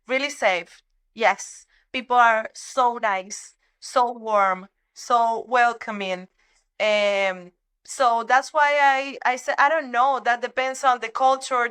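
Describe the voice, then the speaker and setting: A woman's voice: fairly high pitch, pushed and bright, clean tone. A young woman with a Venezuelan Spanish accent, a podcast guest speaking English as a second language and sometimes searching for words. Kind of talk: conversational interview.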